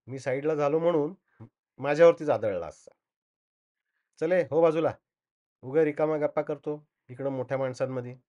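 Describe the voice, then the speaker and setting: A man's voice: a little high, a little fast, dark tone, close to an everyday voice. A man voicing a tall, brash street boy who boasts about what he saw, in a slightly dull recording. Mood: boastful. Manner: cocky, chattering.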